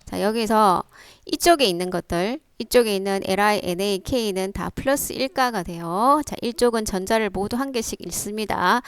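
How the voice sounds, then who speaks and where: A woman's voice: medium pitch, moderate pace, hardly any pauses, clear, resonant tone, dry recording. A woman science teacher explaining step by step in a lecture, prompting with rhetorical questions. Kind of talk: classroom lecture.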